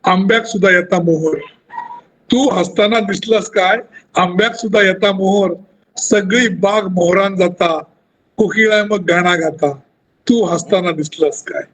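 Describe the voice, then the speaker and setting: A man with a high, light voice recites his poem in a Malvani accent. He repeats each refrain and leans into it more each time. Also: measured pace, a bit bright, low-quality recording. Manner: repeats refrains with rising emphasis. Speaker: poet. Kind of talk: poetry recitation.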